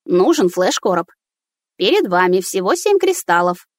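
A woman's voice: on the low side, very animated, moderate pace, no echo, studio quality. A woman reading a story aloud, voicing a cold, formal female robot assistant with an electronic, mechanical voice. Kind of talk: audiobook reading.

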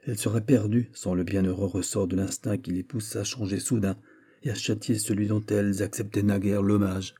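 A man's voice: lowish voice, level tone, brisk, dark tone, husky. A man voicing a haughty, disdainful young woman at court in an audiobook. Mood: lofty. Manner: disdainful, lofty.

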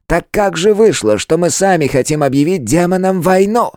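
A man's voice: high-pitched, expressive, moderate pace, a little mellow, no echo, studio quality, pitched above the performer's own voice. A man voicing an insistent male mouse-clan elder who urges and pleads with the council. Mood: pleading. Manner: urgent, insistent.

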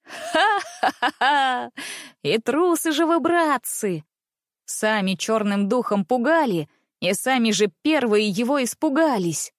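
A woman's voice: medium pitch, lively intonation, a little slow, no room sound, clean studio sound, natural voice. A woman voicing a mischievous, cheerful teenage boy who teases his friends with a ringing laugh. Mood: merry teasing. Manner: laughing, teasing.

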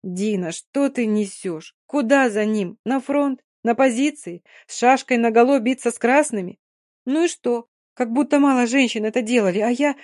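A woman's voice: on the high side, unhurried, hardly any pauses, dry recording, clean studio sound, pitched above the performer's own voice, natural voice. A woman voicing a fierce, stubborn young woman. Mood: scolding. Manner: sharp, scolding, then firmly consoling. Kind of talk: audiobook character reading.

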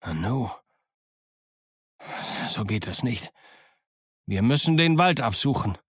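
A man's voice: medium pitch, expressive, slow, fairly bright tone, breathy edge, dry recording, studio quality, full character voice. A man voicing a frightened older pirate leader who talks himself back into courage in an audiobook. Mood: shaken bluster. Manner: shaken, then blustering.

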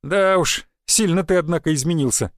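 A man reading voices a sharp-witted, touchy village boy who blurts and sulks. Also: fairly high pitch, no echo, studio quality, natural voice. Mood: teasing. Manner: blunt, quick to take offense.

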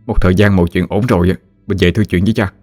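A man voicing a gentle young village lover. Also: sits low, fairly even intonation, very fast, no echo, soft background music, close to an everyday voice. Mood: earnest. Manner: soothing, earnest.

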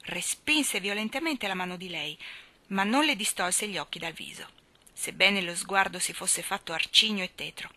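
A woman reading a novel aloud as audiobook narrator, measured and expressive. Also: medium pitch. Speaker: audiobook reader.

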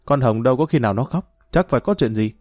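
A man voicing a brash, quick-tempered young woman who scolds and pleads with a friend. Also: medium pitch, expressive, a little mellow, no room sound, clean studio sound, faint music behind, close to an everyday voice. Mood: angry.

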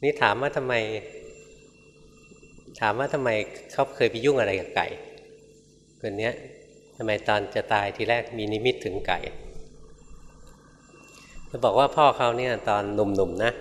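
Man, Buddhist monk, relaxed humorous dharma talk, reverberant hall, faint background hiss. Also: medium pitch, measured pace, pauses often. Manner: conversational, gently humorous storytelling. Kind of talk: Dhamma talk.

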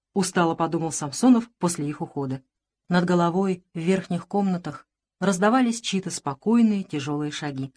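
A woman narrating a story in a measured, steady reading voice. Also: on the low side. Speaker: audiobook reader. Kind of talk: scripted narration.

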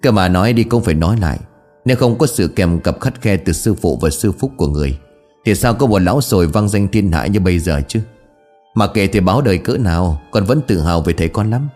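Man voicing a young male disciple, cheeky, devoted, quick teasing talk, lively pitch. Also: faint music behind. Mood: teasing, fond.

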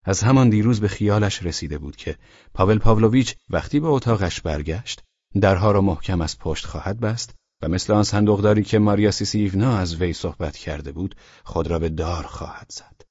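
A man with a husky voice reading a novel aloud in a measured, dramatic way. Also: on the low side, a little mellow, dry recording. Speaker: audiobook narrator. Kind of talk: scripted audiobook narration. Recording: dull dry lo-fi recording.

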